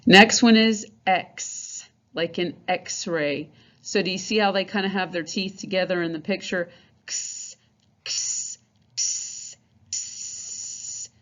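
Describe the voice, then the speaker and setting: A woman's voice: lowish voice, fairly bright tone. A woman teaching a phonics lesson, patiently repeating each letter sound and explaining how the mouth forms it. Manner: slow, patient, repeats sounds many times. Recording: dull lo-fi recording.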